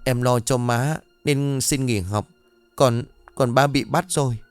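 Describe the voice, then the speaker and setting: A man's voice: medium pitch, unhurried, dry recording, faint music behind, natural voice. A man voicing a sad young boy holding back tears in an audio story.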